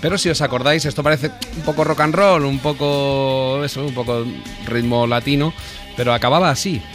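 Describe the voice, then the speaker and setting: Male radio presenter, chatty lesson tone; quick delivery over music bed. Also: mid-range voice, fairly even intonation. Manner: chatty, explanatory. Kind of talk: explaining radio music segment.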